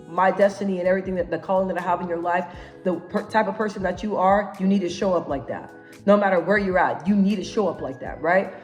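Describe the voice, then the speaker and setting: A woman vlogger gives casual self-help advice to camera in an assertive, self-assured motivational talk. Her medium-pitched, slightly mellow voice is emphatic, repeating key phrases and constantly using tag questions to check for agreement.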